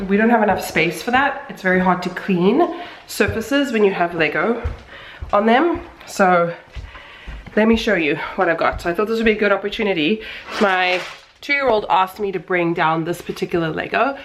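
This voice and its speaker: A woman's voice: mid-range voice, moderate pace, a little hiss or hum. A woman in her thirties chatting casually in a home vlog, rambling and self-deprecating, with a stuffy, nasal voice as if her nose is pinched. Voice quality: congested, pinched nasal sound. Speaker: vlogger, mother of young children.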